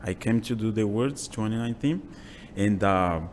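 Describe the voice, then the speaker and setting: Low-voiced young Brazilian man, halting English. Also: darkish tone, a little hiss or hum. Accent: Brazilian Portuguese. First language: Portuguese. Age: 20s. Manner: halting, broken English, many "you know" and "and the" fillers. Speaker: guest, jiu-jitsu instructor. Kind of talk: casual interview. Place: small home gym.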